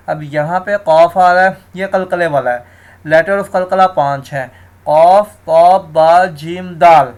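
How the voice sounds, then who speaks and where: A man teaching Quran recitation rules, explaining each rule and then slowly sounding out words to demonstrate, often turning to his viewers as friends. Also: fairly high pitch, darkish tone. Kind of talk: tajweed lesson, explaining and demonstrating.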